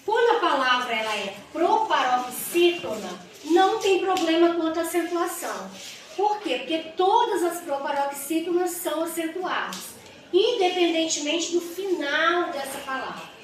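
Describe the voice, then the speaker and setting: A woman teacher giving a grammar lesson, explaining step by step with rhetorical questions and drawing out example words slowly. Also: very high-pitched, expressive. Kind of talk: grammar lesson for exam students. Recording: echoey room with mic far off and noise.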